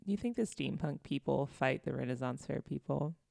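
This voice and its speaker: A woman's voice: a bass voice, lively intonation, normal speed, gravelly, dark tone, dry recording. A woman podcast host telling a history story in a casual, chatty way, wandering into asides.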